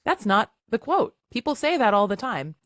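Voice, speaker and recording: A woman's voice: a little high, big pitch swings, a bit bright, no room sound, clean studio sound. A woman co-hosting a podcast, chatting casually and jokily while recapping a film. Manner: chatty, jokey, acts out lines in quick voices. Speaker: podcast co-host.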